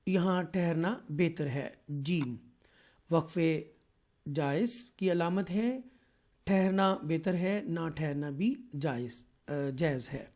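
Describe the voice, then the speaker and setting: A man from Pakistan teaching an online Quran lesson, explaining slowly and carefully with many drawn-out fillers. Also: fairly high pitch, a little mellow.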